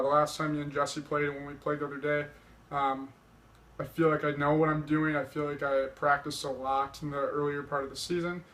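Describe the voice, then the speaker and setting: Slightly winded young guy trash talking his game plan to the camera, kinda high voice. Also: a bit bright. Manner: boastful, lays out a plan point by point. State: a little winded. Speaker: vlogger challenging a friend to a video game match. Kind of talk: casual talk to camera.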